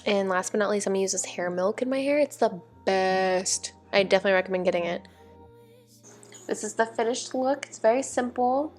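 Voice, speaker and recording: With music playing in the background, this vlog host, a young woman, talks fast at a medium pitch while informally walking through her makeup routine.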